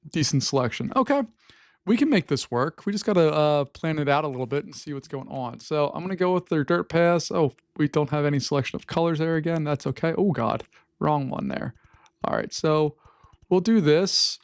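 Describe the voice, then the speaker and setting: A man's voice: on the high side, normal speed, clear, resonant tone, no echo, clean studio sound. A man hosting a gameplay video, thinking aloud in casual commentary, wry and easily exasperated. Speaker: gaming host.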